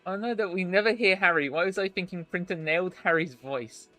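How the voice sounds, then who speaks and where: A man's voice: high voice, brisk, pushed and bright, faint music behind. A man giving chatty asides while streaming a video game. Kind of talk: casual game-stream commentary.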